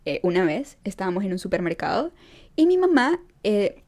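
Young woman vlogging, warm mellow voice, chatty and emphatic, laughs a lot. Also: medium pitch, big pitch swings, moderate pace. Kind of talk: casual chat to followers. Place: Los Angeles.

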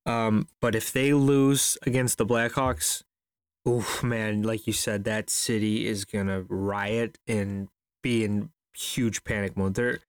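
A man co-hosting a casual sports podcast, an animated storyteller who acts out shouting fans. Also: lowish voice, slow pace, smooth, dry recording. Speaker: podcast co-host.

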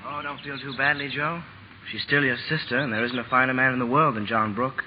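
Man acting an earnest young suitor, mid-pitched. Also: steady tone, fairly quick, lightly acted. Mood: consoling. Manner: earnest, pleading. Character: ardent, boyish young suitor, devoted and humble. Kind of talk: 1940s radio drama acting. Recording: old lo-fi radio recording, music behind.

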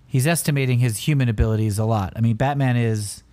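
A man's voice: mid-range voice, fast talker, a little mellow. A man co-hosting a podcast, chatting casually and wryly about a comic book. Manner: chatty, wry, loose with fillers. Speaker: podcast co-host.

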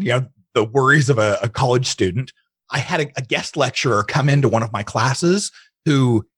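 Here the same kind of guest, a male digital marketing entrepreneur, has a mid-range, somewhat bright voice with a breathy edge and no room sound. He talks informally in the interview, telling stories from his life and often voicing his own past thoughts.

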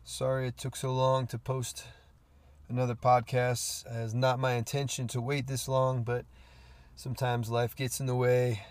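Podcast host, male, mid-pitched, stuffy from a cold, loose rambling delivery, dry close mic. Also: normal speed, clean tone, no echo. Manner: relaxed, rambling with many fillers. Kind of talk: casual solo podcast talk.

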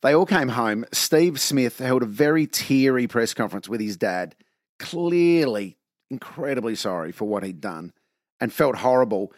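An Australian man hosting a casual podcast chat, relaxed and conversational. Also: medium pitch, moderate pace, dry recording. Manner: easygoing, conversational prompter. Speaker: podcast host. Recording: dry studio sound.

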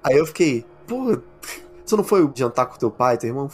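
A Brazilian man hosting a podcast from his attic, telling a story in lively casual chat and acting out the voices he quotes. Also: medium pitch, very fast, faint music behind. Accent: Brazilian Portuguese. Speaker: podcast host. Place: attic room at home.

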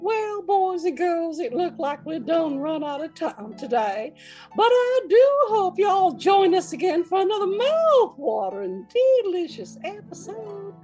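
Radio cooking show host: woman, very high voice, slow drawling delivery, folksy and huffy. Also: sing-song, dark tone, soft background music, low-quality recording. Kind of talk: comedic radio character show.

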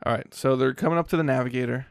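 Gravelly-voiced man in casual podcast banter. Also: mid-range voice, very fast, no echo, studio quality. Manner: laid-back, jokey banter. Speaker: podcast co-host. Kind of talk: casual movie-commentary chat.

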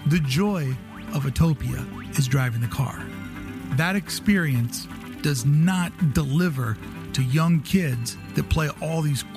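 Higher-voiced man giving wry, casual commentary. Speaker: host.

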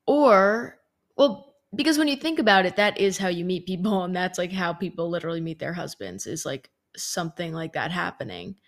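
Chatty young woman, lower voice. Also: expressive, moderate pace. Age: 20s. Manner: chatty, frequent "like" fillers. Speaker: podcast host. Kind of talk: casual storytelling monologue.

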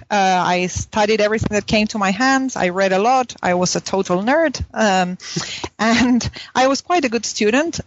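The recording is muffled but without echo, capturing a medium-pitched woman's voice. She is a philosophy professor from southern Chile who speaks Spanish natively with a Chilean accent, sharing her own story as a guest in a conversational academic interview.

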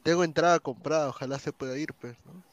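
A man's voice: a little high, fairly even intonation, quick pace, lo-fi sound. A man hosting a casual stream, joking and thinking aloud while browsing. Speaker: stream host. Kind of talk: casual chat.

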